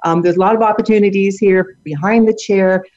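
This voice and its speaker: A woman's voice: mid-range voice, fairly even intonation, fairly quick, darkish tone. Upbeat middle-aged woman guest. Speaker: guest, hair educator. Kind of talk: interview answers. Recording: dull lo-fi audio.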